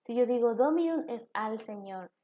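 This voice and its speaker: A woman's voice: on the high side, expressive, normal speed, mellow. A woman teacher giving a recorded online class, explaining step by step with examples.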